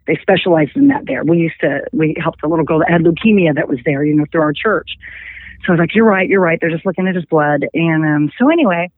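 A woman's voice: low voice, quick pace, dry recording. A middle-aged woman, a guest calling in, telling a personal story in casual speech and acting out the dialogue. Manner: animated, acts out quoted dialogue. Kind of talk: casual storytelling over the phone. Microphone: telephone. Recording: tinny phone line.

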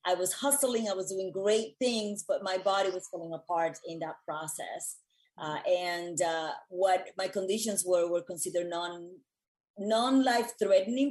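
A Puerto Rican woman, a wellness educator appearing as an interview guest, tells her story in an earnest, expressive, conversational manner. Her voice is mid-range, and the audio quality is poor.

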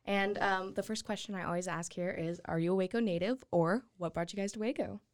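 A woman's voice: mid-range voice, brisk. A woman hosting a casual local interview podcast, upbeat, chiming in and laughing often. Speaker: podcast host.

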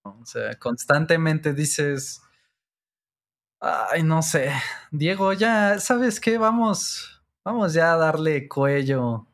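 A man with a Mexican accent, guesting on an interview as co-creator of a Spanish-learning channel, chats casually in a relaxed, slangy way. His voice is fairly high and fairly bright, animated in delivery, and he speaks extremely slowly.

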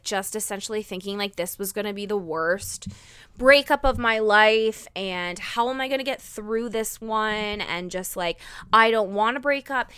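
A young woman hosts her own podcast alone, talking candidly in a chatty stream full of "like" fillers and quick bursts. Her voice is bright and crisp, and it is recorded dry on a close microphone. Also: medium pitch, no echo. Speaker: podcast host. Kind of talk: candid solo podcast monologue.

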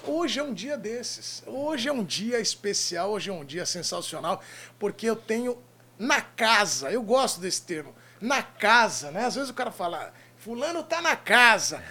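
A man's voice: high-pitched, a bit bright. A man with a Brazilian accent hosting a talk show in a chatty, effusive showman's way. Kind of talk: chatty, upbeat show presenting. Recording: clear background noise.

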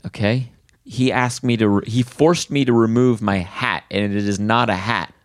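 A man's voice: on the low side, normal speed, no room sound, clean studio sound, close to an everyday voice. A man improvising an indignant father arguing with a daycare manager, combative and insistent. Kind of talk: improv sketch.

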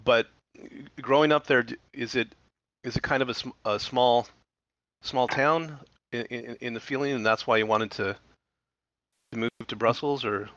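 The speaker, a male podcast host, has a medium-pitched, slightly bright voice with a steady tone; he talks at a moderate pace and pauses often. He reads a sponsor intro, then chats loosely with fillers while hosting a teleconference interview. The audio is dull and dry, with no room sound.

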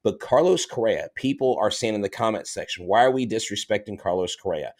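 A man with a fairly low voice hosts a relaxed sports podcast chat. He talks with eager enthusiasm, winding through long sentences full of fillers and restarts. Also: fairly quick. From Florida. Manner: enthusiastic, rambling, frequent fillers. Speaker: podcast host. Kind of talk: casual podcast interview.

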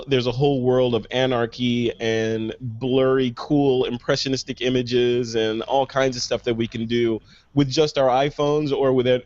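A man's voice: medium pitch, a little mellow, dry recording. Chatty male podcast host, muffled sound. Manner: upbeat, chatty, frequent fillers. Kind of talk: casual podcast chat. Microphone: video call.

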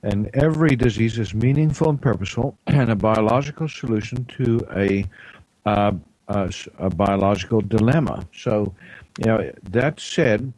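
A man hosting a radio health show, talking in a loose, rambling way with lots of fillers and frequent throat clearing. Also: lowish voice, moderate pace, a little mellow, dry recording, poor audio. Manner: rambling, many fillers and restarts. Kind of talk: casual health talk on air. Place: radio studio.

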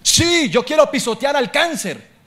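A middle-aged man preaching a sermon as a pastor, telling stories and swinging from loud declarations to hushed asides. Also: very high-pitched, very animated, a little slow.

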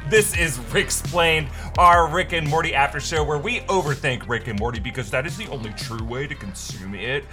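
A man hosting a recap show, talking fast and excitedly and laughing often. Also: on the high side, over music. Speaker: host. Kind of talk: casual recap chat.

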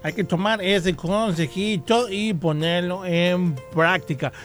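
A man's voice: sits high, slow, a bit bright, soft background music. A man co-hosting a children's program, giving earnest advice on family love and mentioning God. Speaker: co-host of children's show. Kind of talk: family advice talk on radio.

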